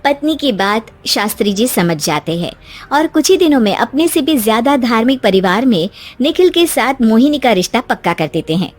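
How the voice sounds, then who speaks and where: A woman's voice: a little high, big pitch swings, moderate pace. A woman narrator reading a scripted moral story as a voice-over. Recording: voice-over with music. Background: music.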